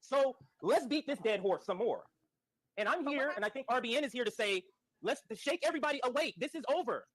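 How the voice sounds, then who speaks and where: A man's voice: extremely high pitch, expressive, brisk, a bit bright, low-quality recording. A man arguing emphatically on a call-in show, his clip played back sped up so he sounds like a chipmunk. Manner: emphatic, repeats phrases. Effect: sped-up playback, chipmunk-like. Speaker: political call-in show guest. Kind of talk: impassioned political argument.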